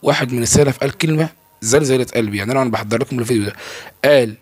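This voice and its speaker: A man's voice: medium pitch, racing, slightly rough. A young man with an Egyptian Arabic accent giving a casual religious talk to camera. He asks himself questions and answers them, and he often stalls on repeated fillers. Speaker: religious speaker. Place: filming himself indoors.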